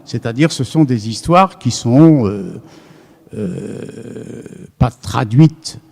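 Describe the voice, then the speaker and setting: A man's voice: mid-range voice, animated, very slow, creaky, darkish tone, breathy edge. A man giving an academic lecture to a live audience, thinking aloud and often restarting his sentences. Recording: long reverb of a lecture hall.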